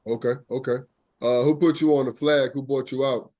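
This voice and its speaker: Host, man, easygoing slangy interviewer, warm and mellow tone. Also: medium pitch, steady tone, a little fast. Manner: laid-back, repeats "okay, okay", street slang. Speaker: podcast host. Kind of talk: casual interview.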